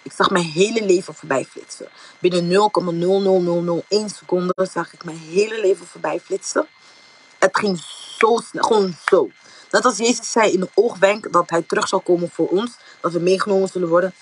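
A woman's voice: on the low side, fairly quick, slightly rough. A young woman from the Netherlands telling a personal faith testimony in a casual, rambling way, with many fillers. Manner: informal, many fillers like "zeg maar", retells thoughts as quotes. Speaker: giving a testimony.

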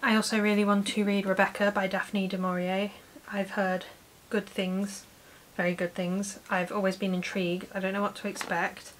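A British woman in her late twenties chats casually and informally to camera as a book vlogger, sitting in a small room at home with bookshelves. Her mid-range voice is flat, at a normal speed. The recording is low quality, with clear background hiss.

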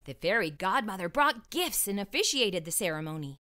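At a moderate pace and medium pitch, a woman reads a kids' storybook out loud with an expressive narrator's delivery.

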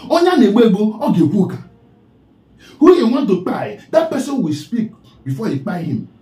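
High-voiced Nigerian man scolding preachily. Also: very animated, normal speed, warm tone, reverberant, low-quality recording. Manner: preachy and scolding, repeats the name he addresses. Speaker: online commentator. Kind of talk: scolding commentary monologue.

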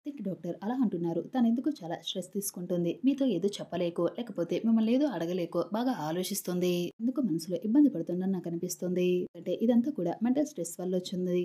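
A woman's voice: fairly low pitch, rapid-fire, few pauses, mellow, natural voice. A woman voicing a woman doctor who explains and gives advice. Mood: advising. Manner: explanatory, advising.

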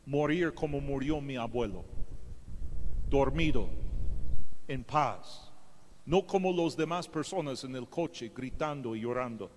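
A man preaching a sermon as pastor, emphatic, swinging from loud to hushed. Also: mid-range voice, slow pace, pauses often, in a large hall, a little hiss or hum. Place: church hall.

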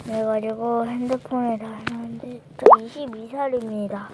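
A woman's voice: fairly high pitch, little pitch movement, moderate pace. A woman chatting playfully while commenting on a mobile game she is playing. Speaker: gamer. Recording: noisy phone recording.

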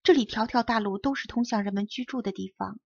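A woman narrating a children's story as an audiobook reader, with clear, even storytelling. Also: medium pitch, fast talker, no room sound. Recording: dull lo-fi recording.

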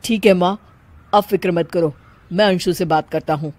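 A woman voicing a tired, irritated young husband in a low, put-upon voice. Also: normal speed, darkish tone, natural voice.

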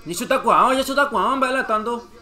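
Very high, bright-voiced young man. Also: normal speed, soft background music. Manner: excitable, shouts and cheers at each play. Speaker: football reaction host. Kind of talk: live match reaction.

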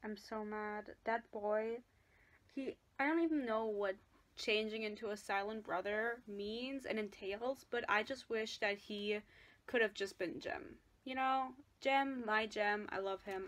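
A woman's voice: medium pitch, fairly bright tone. A young woman giving a casual, exasperated and emphatic book reaction vlog from her bed, recorded at about arm's length. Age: young adult. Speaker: book vlogger. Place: bedroom, lying or propped on bed.

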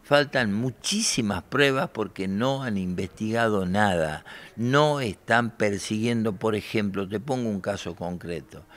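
Lawyer at a press gaggle: man in his forties, very low voice, combative and indignant. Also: measured pace, fairly bright tone. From Argentina. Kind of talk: press interview. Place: bright room by large windows. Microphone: handheld reporter mics close.

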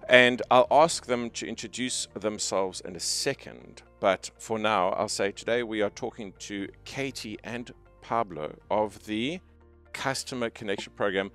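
A man's voice: fairly low pitch, a bit bright. A man co-hosting a podcast interview in a conference room, talking into a headset mic in a casual, jokey, enthusiastic way. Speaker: podcast co-host.

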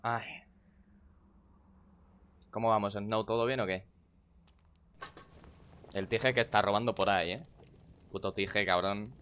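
Profane, chatty streamer with a low voice. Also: male voice, steady tone, a little slow, long pauses, a bit bright, clear, resonant tone. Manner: chatty and profane, muttering to himself and greeting chat viewers. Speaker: gaming streamer. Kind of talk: casual live-stream commentary.

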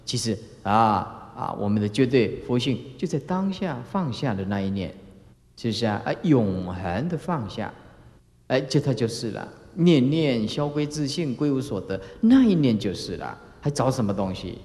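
A man giving a Buddhist sermon as a dharma master, full of filler sounds and acted-out calls. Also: moderate pace. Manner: animated, acts out examples with sudden high calls; frequent filler particles like "ah" and "eh". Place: lecture hall. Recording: roomy lecture hall reverb.

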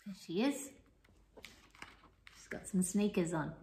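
A woman reading a picture book aloud to young children, playful and expressive, with sing-song rhymes and the odd whisper. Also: lowish voice, slow, noisy background. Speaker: children's storyteller and teacher. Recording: echoey room.

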